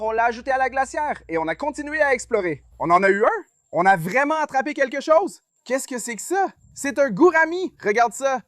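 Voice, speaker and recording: A man hosting a fishing vlog, narrating excitedly and often exclaiming to his viewers. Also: extremely high pitch, dry recording, clean studio sound. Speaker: vlog host.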